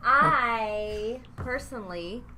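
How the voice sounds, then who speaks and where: A young woman on a casual podcast with friends, bubbly and animated. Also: fairly high pitch, very slow, a little hiss or hum. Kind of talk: casual group chat.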